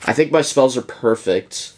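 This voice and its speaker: A man's voice: mid-range voice, lively intonation, normal speed. A young man giving a casual, rambling deck profile to his channel, yawning as he goes. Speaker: YouTuber presenting a card deck.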